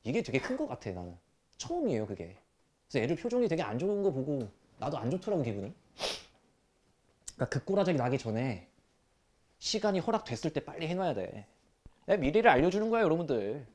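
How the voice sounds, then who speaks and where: A man teaching math to high school students, scolding them bluntly with rough language and rhetorical questions. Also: big pitch swings, a little fast, pauses often, darkish tone. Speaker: math tutor. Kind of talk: classroom lecture.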